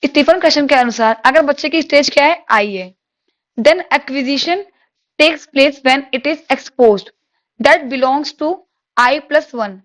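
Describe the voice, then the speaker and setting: Woman teacher with a high voice, drills exam questions and answers them herself. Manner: reads English questions slowly, explains in Hindi with rhetorical questions. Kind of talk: exam-prep lecture.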